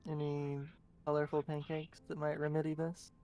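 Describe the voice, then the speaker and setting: A man's voice: fairly high pitch, completely flat delivery, normal speed, dark tone, lightly acted. A man voicing a wry young male bard, answering questions in a dry, matter-of-fact way.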